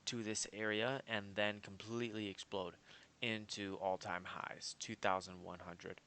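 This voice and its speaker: A man's voice: lowish voice, little pitch movement, a little slow, bright, forceful tone, a little hiss or hum. A man walking through his trading chart analysis in a casual, confident and rambling way, with lots of fillers. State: hiccups. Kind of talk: casual screen-share market analysis.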